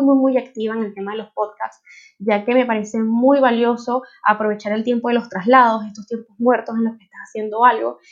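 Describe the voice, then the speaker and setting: A woman's voice: fairly high pitch, dull audio. A Venezuelan woman with a Venezuelan Spanish accent, earnestly introducing her podcast in a personal, conversational way. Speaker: podcast host.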